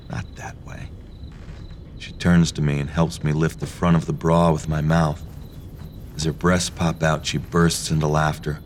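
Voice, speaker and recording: A man narrating a first-person story in a low, hushed, intimate reading. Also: slight background noise. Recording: faint music behind.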